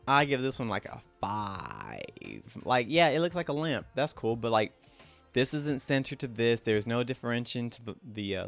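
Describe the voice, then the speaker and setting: A young man casually talking through his own drawings as host, rambling and self-critical, with lots of "like" fillers. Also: medium pitch. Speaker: artist and channel host.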